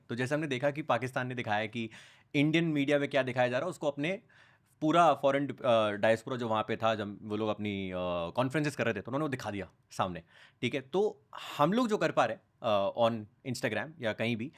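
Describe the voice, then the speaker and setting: A young man, a guest on a podcast, telling animated stories in a casual chat and mixing English phrases into his talk. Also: medium pitch, brisk. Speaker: news content creator, guest.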